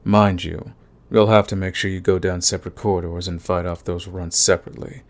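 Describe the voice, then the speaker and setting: His voice is low, level in tone, and brisk. The audio roleplay actor plays a smug, flirtatious villain fond of his enemy, drawling taunts with quiet menace in an intimate ASMR romance.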